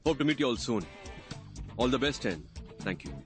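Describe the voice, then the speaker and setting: A stern interviewing officer. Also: male voice, mid-range voice, big pitch swings, drawn-out words, music in the background. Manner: stern, curt questioning. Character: stern senior male officer conducting interviews. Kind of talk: dubbed film dialogue.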